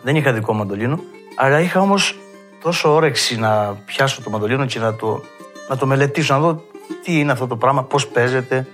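A man with a Cretan accent, a mandolin player telling stories from his past and acting out old conversations in a lively way. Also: medium pitch, soft background music. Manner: lively storyteller who acts out past dialogue. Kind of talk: reminiscing storytelling.

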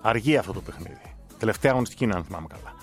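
A man's voice: lowish voice, expressive, soft background music. A man hosting a casual live-stream prize draw, reading winners' names aloud with joking asides. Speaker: host drawing giveaway winners.

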